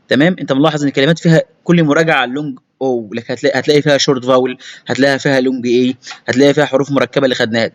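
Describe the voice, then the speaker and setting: A man with an Egyptian Arabic accent teaching English phonics. He says example sentences very slowly and explains each rule in quick bursts. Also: medium pitch, no echo. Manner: repeats drills slowly, then explains quickly. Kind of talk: recorded phonics lesson.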